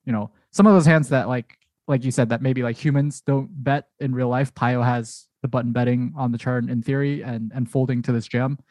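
A man's voice: mid-range voice, fairly even intonation, brisk, a little mellow, no room sound. A man co-hosting a podcast, chatting casually and a little defensively, with hesitant phrasing, on a close mic. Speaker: podcast co-host. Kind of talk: casual chat.

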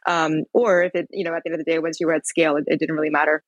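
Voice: medium pitch, level tone, very fast, no echo, muffled recording. A panel moderator putting conversational interview questions to guests.

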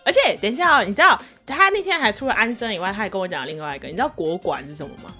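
A woman's voice: medium pitch, animated, very fast, bright, forceful tone, faint music behind. A woman from southern Taiwan with a Taiwanese Mandarin accent, co-hosting a casual podcast chat in a playful, teasing way and laughing often. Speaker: podcast co-host.

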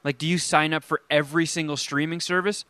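Brief: bright, dry-sounding male podcast co-host, crude and jokey. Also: fairly high pitch, fairly even intonation, fast, clear, resonant tone, no echo. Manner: joking, crude, does silly voices. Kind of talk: casual chat.

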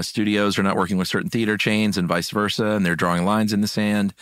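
Male host, low register, casual conversational delivery with some hesitation, dry studio sound. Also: a bit bright, dry recording. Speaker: podcast host. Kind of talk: casual chat and reading listener comments.

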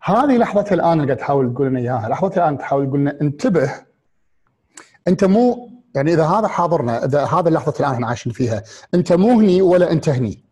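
A man with a Gulf Arabic accent speaks to his audience in a reflective, motivational way, his voice sitting a little higher than most men's. He thinks aloud through rhetorical questions, stopping on fillers and restarting his phrases as he searches for the right words. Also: lively intonation, very fast, a little mellow. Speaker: speaker on happiness and mindfulness.

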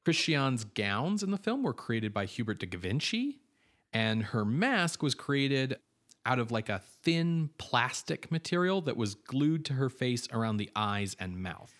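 A man co-hosting a film podcast talks at a measured pace in a medium pitch, his voice a bit bright and swinging widely in pitch. He shares background on the cast and crew informatively, with casual asides and fillers along the way.

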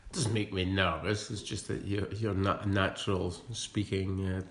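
A man with a northeast Scottish accent chats as an interviewee. His voice is fairly low and his phrasing halting, often repeating words. The room echoes. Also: flat delivery, a bit bright. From northeast Scotland. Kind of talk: casual chat.

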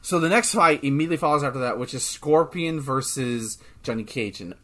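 A man co-hosting a casual chat podcast, rambling and excitable, often swearing as he talks. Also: medium pitch, brisk. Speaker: podcast co-host.

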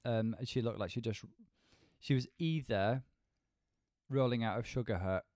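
A man co-hosting a conversational review, articulate and measured in his wording. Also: medium pitch, darkish tone, no room sound, clean studio sound. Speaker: podcast co-host reviewing a TV show. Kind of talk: conversational critique.

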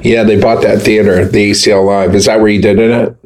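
A man with a fairly low voice co-hosting a relaxed podcast. He keeps a deadpan delivery while spinning absurd, overblown jokes. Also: brisk. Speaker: podcast co-host. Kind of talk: casual podcast chat.

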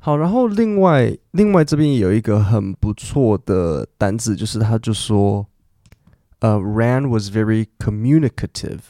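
Chatty man with a warm, mellow voice. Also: fairly low pitch, expressive, measured pace, dry recording, studio quality. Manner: chatty, explains English words in Mandarin with many fillers. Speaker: podcast host and English teacher. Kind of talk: casual podcast lesson.

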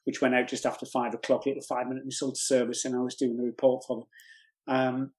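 An older man from North East England chats as a podcast guest and tells long stories. He restarts his sentences often and keeps a casual, unhurried tone. His pitch sits in the middle of the male range. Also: flat delivery, a little mellow. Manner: rambling storyteller with many restarts. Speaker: guest, regional TV presenter.

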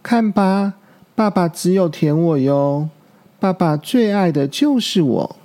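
Brief: bragging baby dinosaur boy from a storybook, high and creaky-edged, slow and smug, a man acting it. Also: expressive, warm tone, heavily acted. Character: boastful baby male ankylosaur, smug.

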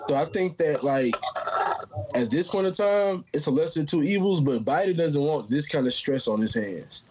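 A man's voice: on the high side, animated, moderate pace, noisy background. An American man chatting casually about politics in a slangy, emphatic way.

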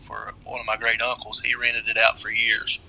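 A middle-aged man with an Appalachian accent, telling a story casually in a halting, rambling way. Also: lowish voice, completely flat delivery, pushed and bright, slight background noise, rough recording. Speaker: guest storyteller.

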